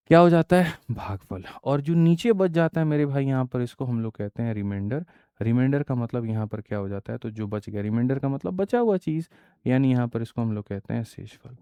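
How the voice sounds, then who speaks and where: Warm-voiced male maths teacher. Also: mid-range voice, clear, resonant tone, no echo, muffled recording. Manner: asks rhetorical questions and answers them himself; keeps calling students "my brother". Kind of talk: exam-prep maths lesson.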